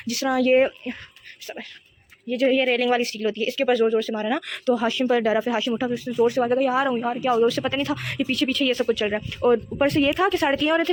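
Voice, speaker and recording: A woman's voice: sits high, dry recording. A teenage girl telling a rambling, giggly storytime in a casual vlog. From Pakistan. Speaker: vlogger.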